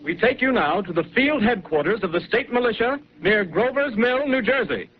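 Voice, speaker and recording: An actor playing a radio announcer reading crisp bulletins in a 1930s radio drama. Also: male voice, high voice, expressive, normal speed. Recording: muffled 1930s radio broadcast with hiss.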